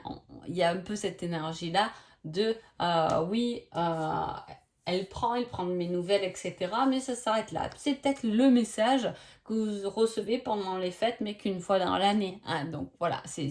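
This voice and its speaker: A woman's voice: mid-range voice, normal speed, a little mellow. A woman giving a casual oracle card reading sign by sign, chatty, with many hesitations and tag questions.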